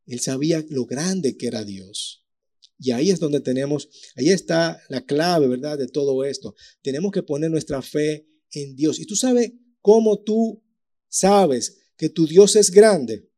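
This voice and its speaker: Man, preacher, animated storytelling, warm tone. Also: on the high side, measured pace. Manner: lively storytelling with acted-out voices and sound effects. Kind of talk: sermon.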